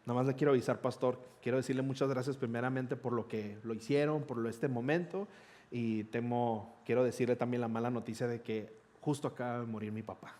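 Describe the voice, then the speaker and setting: A man's voice: medium pitch, fairly quick. A middle-aged man, a pastor telling a personal story in a conversational sermon and acting out the dialogue. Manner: conversational, animated retelling with quoted dialogue.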